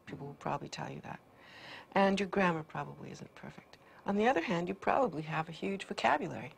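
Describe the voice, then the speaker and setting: A woman's voice: lowish voice, expressive, fast, vocal fry. A woman researcher explaining brain development confidently in an interview. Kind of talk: interview answers.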